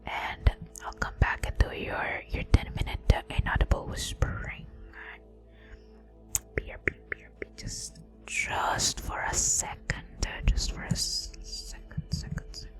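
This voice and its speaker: A young woman whispering through a casual ASMR livestream chat, slangy and repeating words softly. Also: unhurried, faint music behind. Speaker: ASMR streamer.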